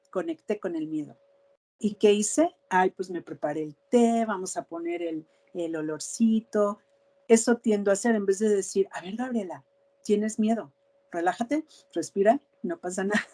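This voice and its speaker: A woman's voice: medium pitch, warm tone. A woman with a Mexican accent leading a workshop, speaking candidly and conversationally about her own feelings. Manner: candid, conversational, self-disclosing. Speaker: workshop facilitator. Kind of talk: reflective workshop talk.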